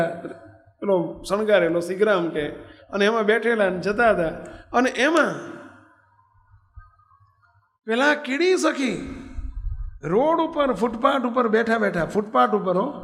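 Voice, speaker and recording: A male preacher telling a story in a sermon, asking rhetorical questions of his listeners. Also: high voice. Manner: animated, rhetorical questions to the audience. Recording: long hall reverb.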